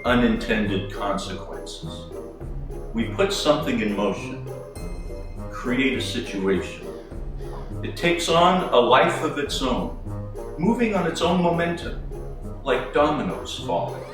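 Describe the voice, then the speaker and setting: Slow, echoing male horror host. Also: medium pitch, very animated, distant mic. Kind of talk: horror host commentary on a classic film. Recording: echoey room, off-mic, music behind. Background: music.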